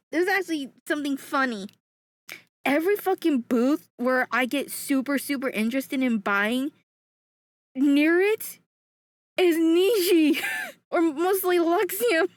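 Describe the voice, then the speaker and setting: A young woman streamer with a high voice talks to her viewers in an unhurried, drawn-out way. She is excitable, gasping and laughing often and swearing freely as she chats. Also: no room sound. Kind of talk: casual stream chat.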